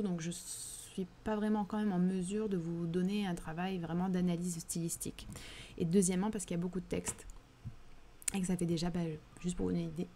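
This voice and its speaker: Warm and on the low side, this thoughtful woman's voice carries a southern French accent, with slight background noise behind it. Hosting a literary livestream, she discusses a book live and reads chat questions, hesitant and full of fillers and restarts.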